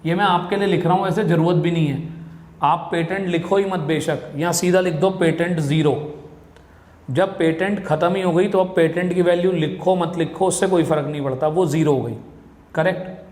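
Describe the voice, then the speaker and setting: A man's voice: a little high, steady tone, moderate pace, a little mellow. Male teacher lecturing in an echoey classroom. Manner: addresses students as "beta", asks the class questions. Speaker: commerce teacher. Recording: echoey classroom with long reverb.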